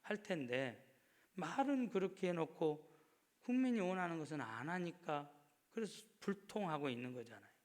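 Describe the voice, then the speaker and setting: A male pastor delivers a sermon with a fairly high-pitched voice, pressing his points through repetition. His prayers are acted out more softly. The sound carries the long reverb of a church sanctuary. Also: big pitch swings, normal speed.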